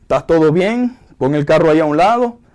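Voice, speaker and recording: A man's voice: on the high side, expressive, a little fast, a little mellow, lightly acted. A Venezuelan-accented man voicing a corrupt male traffic cop who hints at a bribe in an evasive, offhand way.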